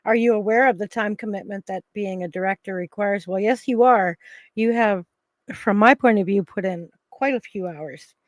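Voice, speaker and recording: A woman's voice: medium pitch, moderate pace, no echo. A woman hosting a casual interview, friendly and a little hesitant with fillers. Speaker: host.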